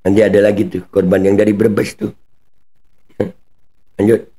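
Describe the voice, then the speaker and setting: A man's voice: on the low side, level tone, normal speed, warm tone. A man giving heated commentary as a channel host, talking bluntly in mocking street slang and swearing now and then.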